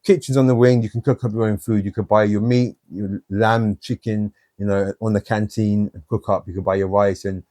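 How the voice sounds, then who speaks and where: A man's voice: lowish voice, steady tone, fairly quick, few pauses, dark tone, no echo, studio quality. A man telling blunt, streetwise stories from his own life in an interview. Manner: blunt, streetwise storytelling with many "you know"s. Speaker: guest.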